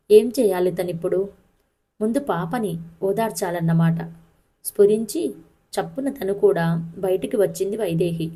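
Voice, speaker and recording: A woman reading a family story aloud, in a steady, emotional read-aloud delivery. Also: medium pitch. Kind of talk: scripted story narration.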